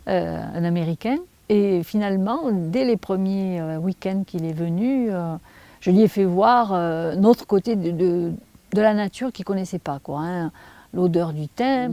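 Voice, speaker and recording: A woman's voice: on the low side, mellow, no echo. A woman, the winemaker's wife, speaking in a casual colloquial way with fillers in a documentary interview.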